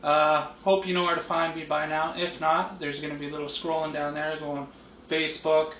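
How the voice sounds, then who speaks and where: With a level, fairly bright tone at a moderate pace, a man in his thirties hosts a cooking vlog from his home kitchen. He chats in a loose, easygoing stoner ramble, recorded on roomy, muffled camera audio over a sizzling deep fryer.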